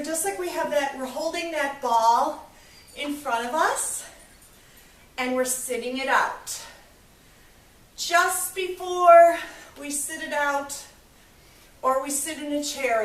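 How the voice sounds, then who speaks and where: A woman's voice: high voice, a little slow. A woman fitness instructor leading a workout, upbeat and encouraging as she counts reps, a little out of breath. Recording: echoey room, voice from a distance.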